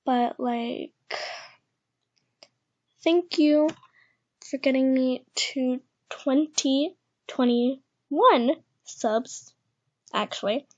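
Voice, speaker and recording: A young woman with a lisp, talking quietly and awkwardly with many pauses in a casual vlog, keeping her voice down at home. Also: high-pitched. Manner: awkward, hesitant, speaking quietly to keep her voice down. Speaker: channel host. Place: echoey house, indoors. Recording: dull lo-fi home recording.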